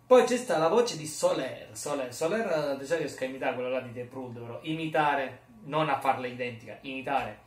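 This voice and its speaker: A man's voice: medium pitch, expressive, a little fast, few pauses. A man vlogging in a rambling, jokey, self-mocking casual chat. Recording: roomy echo, mic far off.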